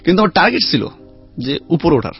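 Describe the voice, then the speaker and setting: A man telling a lively story about his life as a guest in a casual chat. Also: a little high, fast. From Khulna region, Bangladesh. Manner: lively anecdotal storyteller, chatty. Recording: dull lo-fi sound with faint music.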